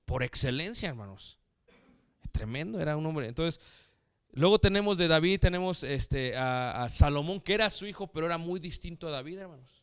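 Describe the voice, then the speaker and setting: Lively preacher man, smooth voice. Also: fairly high pitch, no room sound, muffled recording. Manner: lively, jokey, addresses the congregation as brothers. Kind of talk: sermon.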